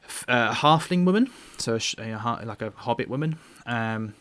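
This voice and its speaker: A man's voice: medium pitch, expressive, normal speed, a bit bright, clean tone, no echo. A man narrating a tabletop game as dungeon master, hesitant and full of fillers.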